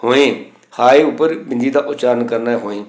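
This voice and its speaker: A man teaching correct pronunciation of scripture, reciting verses slowly and then explaining the grammar point by point. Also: mid-range voice, a little mellow, echoey room.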